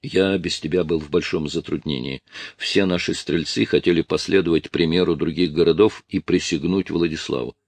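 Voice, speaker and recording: A man's voice: low-pitched, fairly even intonation, normal speed, dry recording. A man voicing a loyal deputy officer who explains things earnestly.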